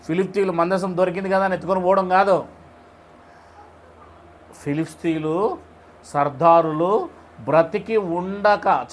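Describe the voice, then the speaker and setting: A man with a notably high voice gives a conversational sermon. He keeps turning to his listeners with rhetorical questions and tells stories in plain, everyday words. A faint noise hums softly underneath. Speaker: preacher leading a Bible study.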